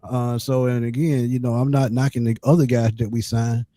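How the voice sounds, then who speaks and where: A man hosting a sports show, explaining a team's roster in casual, measured talk. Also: medium pitch, level tone, warm tone, no echo. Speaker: sports podcast host.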